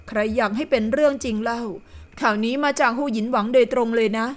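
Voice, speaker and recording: A woman voicing a gossiping lady in purple in an audio novel, speaking in a low, conspiratorial voice. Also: quick pace, lightly acted. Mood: knowing. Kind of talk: audiobook character voice.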